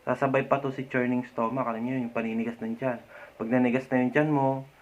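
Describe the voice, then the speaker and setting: A man vlogging casual advice in a chatty way, often ending his points with a tag question and letting out a soft chuckle now and then. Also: mid-range voice, little pitch movement, brisk. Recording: dull lo-fi sound.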